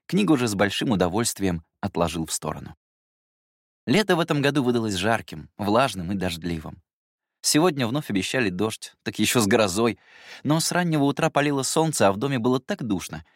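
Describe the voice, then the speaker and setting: A man narrating a first-person audiobook in a calm, measured way. His voice is lowish with lively, animated intonation. The recording is dry and close, with no room echo. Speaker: audiobook reader.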